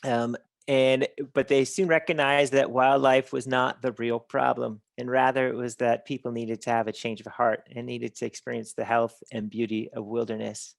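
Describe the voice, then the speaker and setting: Man presenter on a video call, even and monotone, lots of ums, dry close sound. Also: medium pitch, gravelly, no room sound. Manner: halting, many fillers and restarts. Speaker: conference presenter. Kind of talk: online webinar presentation.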